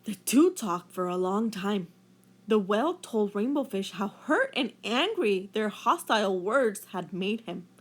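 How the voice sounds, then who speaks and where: A woman teacher reading a children's picture book aloud in an expressive storytelling manner. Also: medium pitch, measured pace.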